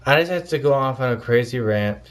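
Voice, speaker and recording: A man's voice: mid-range voice, lively intonation, brisk. Stoned man on a rambling rant. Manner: scattered, often losing his thread and trailing off. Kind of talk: rambling casual vlog rant.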